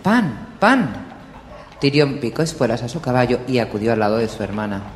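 A man reading an audiobook in a steady, measured storytelling voice. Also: fairly low pitch. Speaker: audiobook narrator. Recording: echoey room with long reverb, faint hiss.

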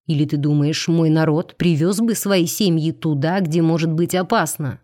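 A woman's voice: deep voice, moderate pace, mellow, lightly acted. A woman reading an audiobook, voicing a cold, commanding male alien starship captain. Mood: stern.

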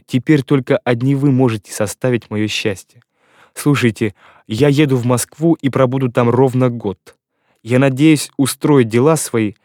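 A man's voice: medium pitch, a little mellow, no room sound, studio quality, close to an everyday voice. A man voicing a poor young man who speaks earnestly and solemnly through tears, in a classic audiobook.

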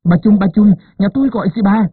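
Jittery young farmer husband, raised husky voice, guy reading him, phone-ish audio. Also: sits high, dry recording, pitched above the performer's own voice. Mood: anxious. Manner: nervous, hurried. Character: anxious young peasant husband. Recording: narrow phone-like sound.

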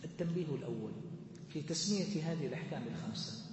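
A man's voice: on the high side, animated, quick pace, darkish tone, a little hiss or hum. A man explaining a classical religious text to students in a methodical way, asking questions and answering them himself. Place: large mosque hall. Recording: echoey hall with long reverb.

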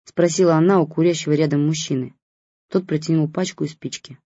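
A narrator reading a story aloud in calm scripted narration. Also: medium pitch, brisk, no echo. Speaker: audiobook narrator. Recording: dull dry audiobook recording.

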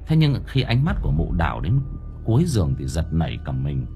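A man's voice: rumbling low, huge pitch swings, a little fast, dark tone, soft background music. A man narrating a ghost story as an audiobook, vivid and dramatic.

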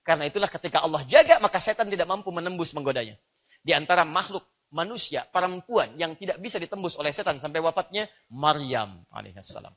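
A man preaching a sermon, swinging from loud emphatic lines to soft, low asides. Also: expressive, quick pace.

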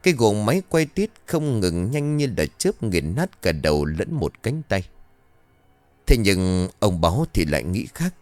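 A man's voice: fairly low pitch, big pitch swings, unhurried, darkish tone, no echo, soft background music. A man reading a horror story aloud in a dramatic, storytelling manner. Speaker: narrator. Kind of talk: scripted horror story narration.

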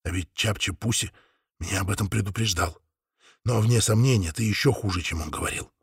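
A man voicing an uneasy Inca warrior who speaks in a hushed, half-whispered way. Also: fairly low pitch, quick pace, vocal fry, husky, no echo, clean studio sound, pitched below the performer's own voice, full character voice.

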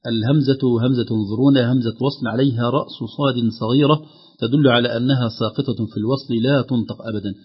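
A man with a husky, slightly breathy voice teaches Quran recitation in a calm, methodical way. He breaks off to recite short examples slowly and with a full voice. The sound is dull and muffled, like an old radio recording. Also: mid-range voice.

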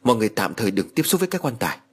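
A man voicing a calm older uncle who gives firm, measured instructions to the family. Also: lowish voice, slightly rough. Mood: cautioning.

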